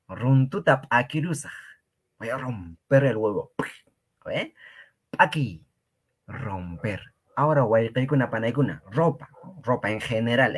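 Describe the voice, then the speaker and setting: A man leads an online Quechua lesson, saying each word several times over so learners can copy it. He speaks slowly and carefully, with a lively, swooping pitch that rises and falls a lot. His voice sits at a middle pitch for a man. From Peru. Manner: repeats words slowly, drilling pronunciation with rhetorical questions. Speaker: Quechua language teacher.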